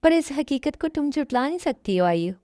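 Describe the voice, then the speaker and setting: A woman's voice: high-pitched, big pitch swings, moderate pace, mellow, dry recording, clean studio sound. A woman voicing a blunt young husband. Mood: cold. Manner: blunt, cold toward first wife. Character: young husband torn between two wives, firm. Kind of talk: Hindi fan dub drama.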